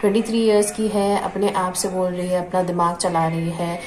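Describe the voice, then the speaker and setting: A woman's voice: fairly low pitch, level tone, moderate pace, a little mellow. A woman vlogger giving an earnest, indignant opinion, repeating the same filler word often. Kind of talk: opinionated commentary vlog. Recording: echoey room with clear background noise.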